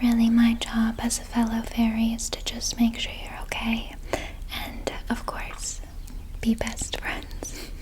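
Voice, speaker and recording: A woman doing a whispered role-play as a gentle, nurturing flower fairy, in a soft breathy whisper with a soothing, unhurried manner. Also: on the high side, monotone.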